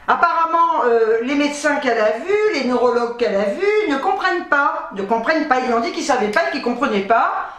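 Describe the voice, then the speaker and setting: A woman's voice: high voice, a bit bright, reverberant. An older woman, a grandmother, chatting casually to camera as a vlogger, laughing often and speaking bluntly with the odd swear word. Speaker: shopping-haul vlogger. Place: home office.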